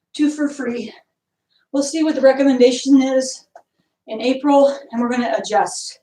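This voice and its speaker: High-voiced woman leading a workout, a bit out of breath, echoey, mic kinda far off. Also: a little mellow. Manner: upbeat, counting and cueing moves. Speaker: martial arts instructor. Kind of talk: online workout class instruction. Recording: echoey room, voice from afar.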